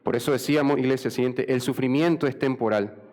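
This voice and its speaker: A pastor preaching a sermon with passion, acting out the dialogue between God and Jacob. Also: male voice, mid-range voice, brisk, a little mellow.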